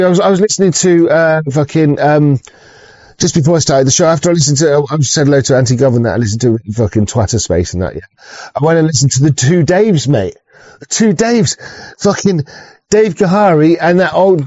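A livestream host rambles casually in a fairly high, darkish voice, swearing constantly and stammering as he restarts sentences. The mic sounds dry and slightly muffled.

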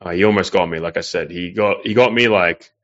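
A man with a deep, somewhat bright voice hosts a livestream, reading super chats fairly quickly. His talk is loose and rambling, packed with swearing and fillers, and the stream audio is slightly muffled.

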